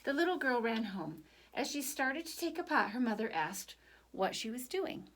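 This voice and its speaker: A woman's voice: on the high side, very animated, normal speed, fairly bright tone. Woman reading a children's story aloud.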